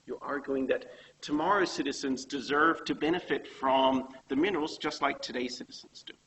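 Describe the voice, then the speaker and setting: A man's voice: mid-range voice, normal speed, fairly bright tone, rough recording. Man, university lecturer, conversational, asks questions, faint hiss and clicks behind. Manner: conversational, asks the class questions, self-corrects. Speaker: economics lecturer.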